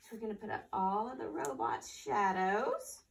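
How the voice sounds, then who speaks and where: This children's library storytime host reads aloud and talks to young kids using simple phrases, instructions and questions. She has a mid-range voice, a moderate pace, and is recorded from a distance.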